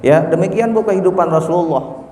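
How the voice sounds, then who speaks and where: Animated preacher in an echoey hall. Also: male voice, sits high, a little fast. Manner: lively, animated, acts out quoted voices. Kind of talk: sermon.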